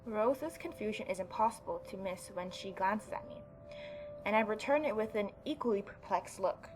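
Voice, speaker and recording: A woman gaming YouTuber reading a story game aloud and adding expressive, mocking asides. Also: medium pitch, normal speed, music in the background, poor audio. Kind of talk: let's-play reading aloud with reaction commentary.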